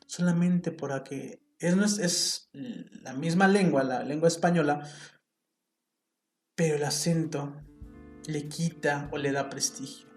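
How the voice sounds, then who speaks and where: A man with a Mexican Spanish accent hosts a reflective solo podcast, thinking aloud earnestly and with strong opinions, sometimes restarting briefly. His voice is high and a little mellow. The room sounds roomy, with faint guitar music in the background.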